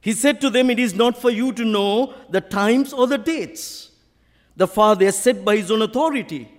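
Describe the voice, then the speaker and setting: Hall reverb from the church PA surrounds this visiting preacher, a Sri Lankan-accented man addressing a congregation in a large church hall. With a high-pitched voice, he tells stories and reads scripture in an emphatic, deliberate sermon.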